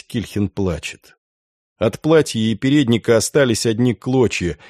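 A man reading a dark story as audiobook narration, low and hushed with lively swings into the characters. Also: dry recording, studio quality.

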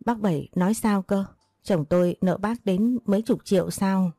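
A woman's voice: mid-range voice, moderate pace, dark tone, no echo, clean studio sound, lightly acted. A woman voicing a poor, distraught middle-aged village wife who laments and pleads.

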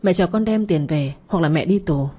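A woman's voice: on the low side, moderate pace, warm tone, breathy edge. A woman voicing a middle-aged mother who scolds and pressures her daughter insistently. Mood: pressuring.

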